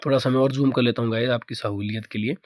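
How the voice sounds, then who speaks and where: A man's voice: medium pitch, steady tone, fast talker, dry recording, clean studio sound. A man teaching an exam-prep chemistry lesson, asking questions and answering them himself while repeating key points.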